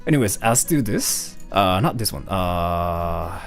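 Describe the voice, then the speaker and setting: A man's voice: slow, faint music behind. A young man from Japan, speaking English, chatting casually with viewers on a live stream, rambling and chuckling often. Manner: rambling, chuckling, lively swings in pitch.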